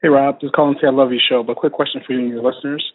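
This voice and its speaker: A man calling in to a radio show, leaving a casual voicemail that is played over a phone line, rambling and halting with fillers and restarts. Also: medium pitch, steady tone, slight background noise. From Texas, USA. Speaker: caller.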